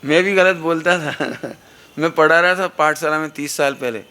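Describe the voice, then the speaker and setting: A man's voice: on the high side, moderate pace, pushed and bright. A middle-aged man preaching a sermon at a religious gathering on a microphone, earnest and instructive, asking the listeners rhetorical questions. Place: satsang gathering hall. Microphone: amplified microphone.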